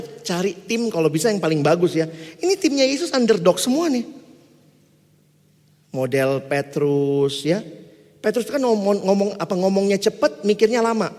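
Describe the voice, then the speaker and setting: A man with a high, bright voice preaches in a lively, joking manner, slipping into quick mock voices for the people he quotes. His voice rings out with a long reverb, as in a large hall. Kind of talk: sermon.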